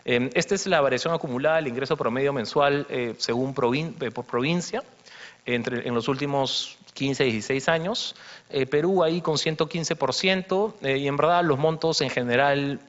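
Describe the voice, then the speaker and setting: In a congress conference hall, a man with a mid-range voice gives an explanatory slide presentation at normal speed, full of fillers and tag questions. The broadcast audio is dull, with a reverberant hall sound.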